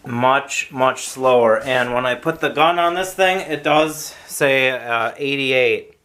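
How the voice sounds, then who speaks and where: A man's voice: medium pitch, takes it slowly, pushed and bright. A man hosting a casual homebrewing vlog, rambling and thinking aloud with lots of fillers, recorded on a porch. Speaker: homebrewer host.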